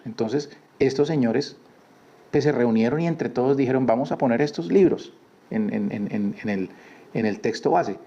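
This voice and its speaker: Man, informal Bible teacher; warm low-key timbre, conversational with rhetorical questions, dull lo-fi recording. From Colombia. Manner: conversational, repeats words, asks listeners rhetorical questions. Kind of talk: informal Torah portion teaching.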